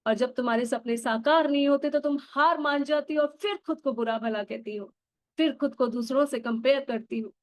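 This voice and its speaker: A woman's voice: high voice, moderate pace, no echo, natural voice. A woman voicing a hurt, reproachful little girl, the inner child, who pours out complaints. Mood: scolding. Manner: scolding, pleading complaints.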